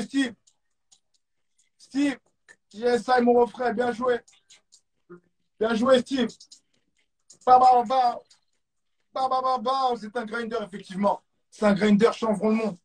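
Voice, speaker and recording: Very high-pitched and steady, his voice moves a little slowly with long pauses as this French-accented man hosts a quiz on a live stream. He's hyped, repeats catchphrases and throws in English exclamations, recorded through a phone or webcam.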